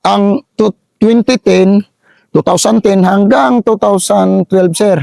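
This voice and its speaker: Visayan-accented middle-aged soldier, halting storyteller with a rough, gravelly voice and a fairly high pitch. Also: male voice, fairly even intonation, darkish tone, dry recording, studio quality. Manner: halting, repeats phrases, keeps saying "sir". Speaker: army sergeant telling a war story. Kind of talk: interview storytelling.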